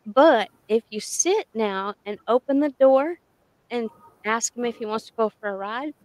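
A woman's voice: a little high, moderate pace, no echo. A woman hosting a casual chat, chatty and encouraging as she listens and tells her own stories. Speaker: host.

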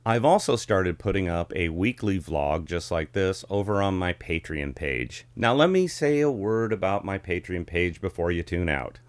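A middle-aged man chatting casually as a vlog host, with the warm, rich sound of a vintage ribbon mic in a home studio. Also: on the low side, dry recording. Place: small home studio with curtain backdrop. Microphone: studio ribbon microphone close in front.

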